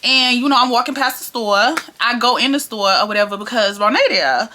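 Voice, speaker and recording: A woman's voice: fairly high pitch, expressive, brisk, sharp tone, a little hiss or hum. A young woman telling a storytime to her viewers in a sassy, slangy, chatty way. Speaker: vlogger. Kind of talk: casual storytime monologue. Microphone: on-camera mic.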